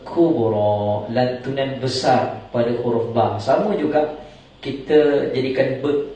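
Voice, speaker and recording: A man teaching Quran recitation rules, explaining slowly and chanting example verses between jokey asides. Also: mid-range voice, mellow, muffled recording. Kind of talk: tajwid class with recited examples. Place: large echoing prayer hall. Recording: echoey hall, mic some distance off.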